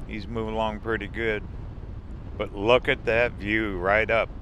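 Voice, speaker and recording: Outdoor vehicle and road noise accompany this RV vlogger, whose voice sits on the low side. He narrates his mountain road trip unhurriedly and casually, from the road and from roadside pull-offs, chatting easily and delighting in the views.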